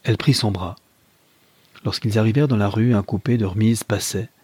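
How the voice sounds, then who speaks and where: A man narrating a classic novel in a measured, even storytelling manner. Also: on the low side, breathy edge, dry recording. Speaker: audiobook reader.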